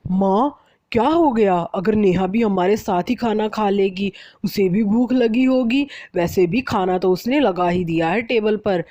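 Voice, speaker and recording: A woman voicing a calm young husband who gently reasons with his mother. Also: mid-range voice, unhurried, voice pushed up, close to an everyday voice. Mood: reasoning.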